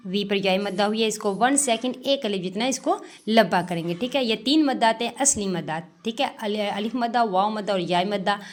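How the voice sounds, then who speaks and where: A woman teaching tajweed step by step, reciting words slowly and drawn out, then explaining the rules and answering her own questions. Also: mid-range voice. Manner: slow drawn-out recitation of verses between explanations; frequent "theek hai" check-ins.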